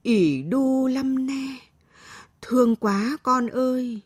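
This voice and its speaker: A woman voicing an elderly grandmother who croons an incantation slowly and tenderly to her granddaughter. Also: sits high, no room sound, clean studio sound, voice pushed up, exaggerated voice. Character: old grandmother, tender and grieving.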